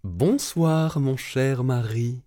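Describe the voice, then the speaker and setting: A man voicing a kind, motherly giantess in a storybook reading, in a soft, high falsetto. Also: extremely slow, dry recording, studio quality. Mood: anxious. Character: kind gentle giantess, huge motherly woman.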